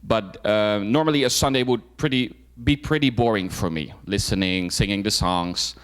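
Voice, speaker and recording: Addressing a club as a guest, a young Dutch man recounts his personal story at normal speed. His voice is fairly low, fairly bright and clean, and his informal speech is peppered with fillers and restarts.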